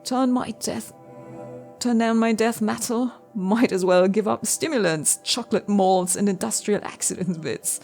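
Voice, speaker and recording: A woman's voice: medium pitch, fairly even intonation, drawn-out words, creaky, few pauses, a little mellow, faint music behind, exaggerated voice. A woman doing a folksy, drawling male coder. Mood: brash. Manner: drawling, folksy put-on accent. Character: eccentric male coder who loves death metal.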